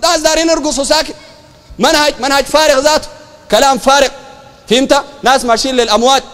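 A man with a Sudanese Arabic accent preaching a colloquial sermon, animated and mocking, full of rhetorical questions. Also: very high-pitched, fast talker, big-room sound.

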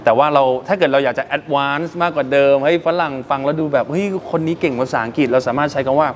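There's a little hiss or hum behind this mid-range male voice. In a car showroom, the English teacher and show host leads a casual vocabulary lesson, patiently spelling words letter by letter and politely finishing his sentences with soft particles.

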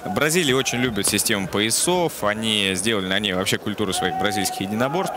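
A man's voice: on the low side, expressive, quick pace. A man giving conversational, explanatory fight commentary with a coach's eye, often hesitating between phrases. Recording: loud arena crowd noise behind.

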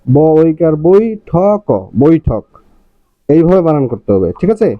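A male primary school teacher, slowly spelling out words and repeating each one for his students. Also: on the high side, sing-song, no echo. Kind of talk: slow spelling drill. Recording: dry, somewhat dull recording.

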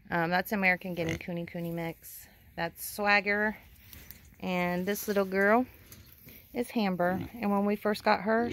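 This farm vlogger narrates a casual walking tour outdoors, filming on a handheld phone as she chats and talks sweetly to the animals. She isn't sure of some breeds. Her voice is medium-pitched, with a slight hiss or hum in the audio.

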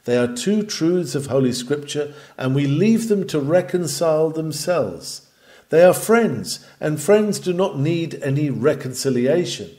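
A man's voice: fairly high pitch, animated, unhurried, warm tone. A man reading an old sermon aloud, building to dramatic, emphatic peaks. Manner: dramatic, swelling with emphasis on climactic lines. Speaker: preacher.

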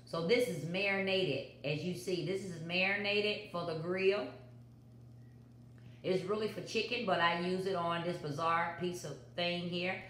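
Her voice is fairly low and a bit bright, with slight background noise. A middle-aged woman, she chats casually with viewers of her home cooking vlog and repeats her catchphrases, recorded in an echoey home kitchen on the counter's built-in phone mic.

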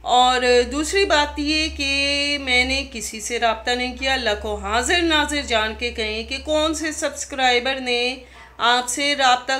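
Speaking in a high voice that's pushed and bright, a Pakistani woman in her thirties uses her video diary to confront another vlogger, scolding indignantly with pointed rhetorical questions. The YouTuber recorded it indoors in her living room on a phone camera held at arm's length.

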